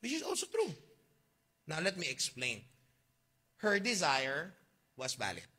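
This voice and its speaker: Bright high-voiced Filipino pastor preaching. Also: male voice, huge pitch swings, slightly rough. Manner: mixes Tagalog and English, reads KJV verses slowly; asks the congregation questions, jokes. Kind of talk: sermon.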